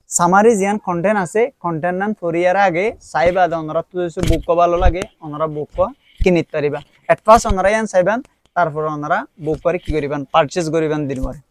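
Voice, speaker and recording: High-voiced man with a Rohingya accent. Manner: explains step by step with frequent hesitations. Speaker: book reviewer. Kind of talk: casual spoken product review.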